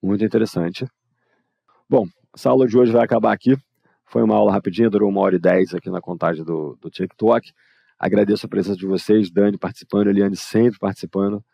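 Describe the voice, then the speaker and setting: A Brazilian man with a low, gravelly voice leads an online English lesson. He explains casually and addresses his students directly. His tone is dark and husky, recorded close and dry. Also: steady tone, fast, no echo. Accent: Brazilian Portuguese. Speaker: English teacher. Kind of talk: live online grammar lesson.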